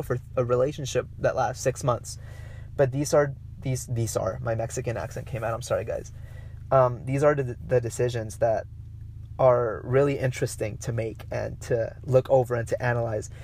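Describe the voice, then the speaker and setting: A man's voice: medium pitch, darkish tone. Rambling man hosting a solo podcast. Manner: rambling and conversational, with many fillers and self-corrections; addresses listeners directly. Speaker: podcast host. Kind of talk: casual solo podcast monologue.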